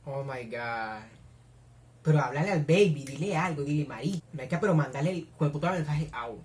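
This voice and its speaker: A woman's voice: deep voice, expressive, moderate pace, a little mellow, a little hiss or hum. A young woman with a Colombian accent doing casual reaction commentary at home, gushing and squealing as she watches. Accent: Colombian Spanish. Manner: effusive, squeals and gushes. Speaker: reaction video host. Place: home room.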